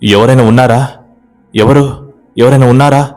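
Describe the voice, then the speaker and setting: A man voicing a stubborn young village husband who shouts and demands answers in a horror story. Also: on the low side, moderate pace, soft background music, natural voice. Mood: shouting, demanding.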